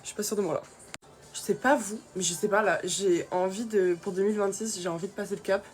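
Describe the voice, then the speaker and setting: A woman's voice: medium pitch, steady tone, fast talker. Chatty young woman, skincare vlog. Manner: chatty, casual, many fillers. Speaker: beauty vlogger.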